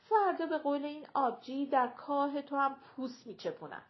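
Woman doing a cheeky, loud male stage clown. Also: sits high, animated, dull audio, pitched above the performer's own voice. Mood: scheming. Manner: mocking, loud, sing-song. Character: cheeky quarrelsome male clown of folk comic theater.

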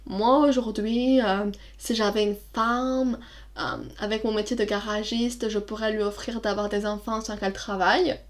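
A woman's voice: high voice, animated, fast, few pauses, darkish tone, pitched above the performer's own voice. A woman quoting a pushy drunk man. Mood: insistent. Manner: insistent, persuasive.

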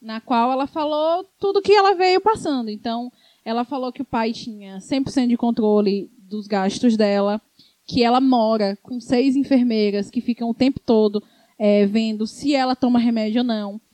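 A woman's voice: on the high side, moderate pace, dark tone, no room sound. A woman with a Brazilian accent and a slushy lisp on her s sounds, recounting news casually as a co-host. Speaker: show co-host.

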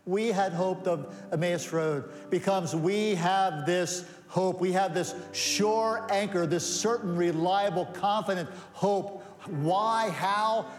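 A man with a high tenor delivers a sermon from a church sanctuary. He stacks rhetorical questions and answers them with rising emphasis, and his voice trails off in a long, echoing reverb. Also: slow pace, hardly any pauses. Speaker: pastor.

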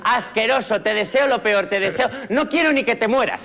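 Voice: mid-range voice, normal speed, creaky, pushed and bright. A comedian in a stand-up monologue, building a comic list of petty curses.

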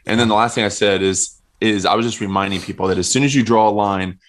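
A man's voice: fairly low pitch, steady tone, quick pace. A man, a worship leader, talking casually and earnestly in a podcast chat, often repeating words as he thinks.

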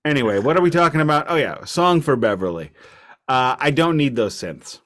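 A man from the United States, speaking with an American accent, jokes wryly while casually discussing music as an album-reviewing podcast co-host. His medium-pitched voice is expressive, fairly quick, and fairly bright.

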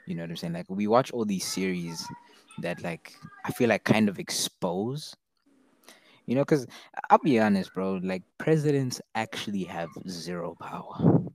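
A man's voice: fairly low pitch, very animated, moderate pace, gravelly, darkish tone, rough recording. A young man in casual chat, telling things in a rambling, slangy way. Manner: slangy, rambling storytelling, frequent "bro".

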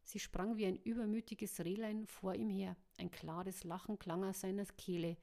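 A woman reads a storybook chapter aloud. Her narration is steady and even, a middle-pitched voice carrying the scene at a measured reading pace. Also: vocal fry. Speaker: audiobook narrator.

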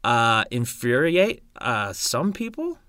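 A man's voice: medium pitch, very animated, slow pace, sharp tone, no room sound, studio quality. A man hosting a casual comedy podcast interview, prompting his guest with teasing questions. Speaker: podcast host.

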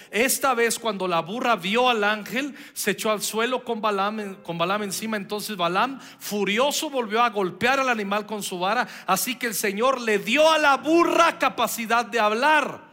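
A man's voice: high-pitched, bright, forceful tone. A man preaching a sermon as pastor, conversational with playful asides.

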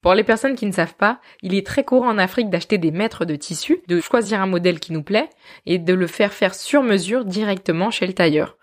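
A woman hosting a podcast, telling her story in a lively, self-mocking way and often laughing. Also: mid-range voice, a little fast. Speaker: podcast host.

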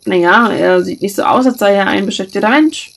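A woman's voice: medium pitch, fairly quick, gravelly. A woman reading aloud and voicing a mischievous young woman who teases her friend with dry, mocking banter.

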